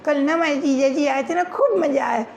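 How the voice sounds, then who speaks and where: Giggly gossiping young women. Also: male voice, slight background noise. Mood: bickering. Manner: high-pitched, gossipy, fast back-and-forth chatter. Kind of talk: stand-up mimicry. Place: comedy stage before a live audience.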